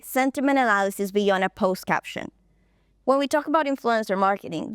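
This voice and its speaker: A Colombian woman whose first language is Spanish gives a stage presentation at a conference, walking through her points in order in an explanatory way. Her voice is smooth, clear and mid-pitched, recorded close and dry with no room echo.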